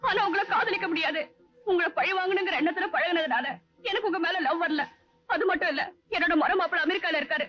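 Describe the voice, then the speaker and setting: A woman's voice: extremely high pitch, quick pace. An actress playing a remorseful young woman who pleads emotionally with her suitor, in 1980s Tamil film dialogue with English phrases mixed in. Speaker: film heroine. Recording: dull lo-fi 1980s film soundtrack, faint music.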